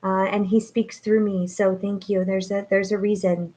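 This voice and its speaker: A coach hosts a live-streamed motivational session from home, without a studio, and the audio is poor. She has a mellow, mid-range voice with flat delivery at a moderate pace, yet her manner stays upbeat and preacherly, thick with fillers.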